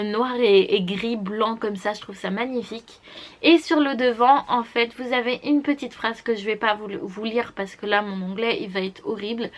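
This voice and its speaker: A woman presenting a makeup palette to the camera in casual, gushing talk, full of restarts and fillers. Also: a little high. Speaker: beauty vlogger. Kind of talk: casual makeup product review.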